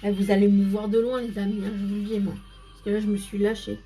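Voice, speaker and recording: A woman's voice: mid-range voice, level tone, fast talker, dark tone, faint music behind. A woman hosting a casual live makeup stream, chatting to viewers by name and explaining each step as she goes.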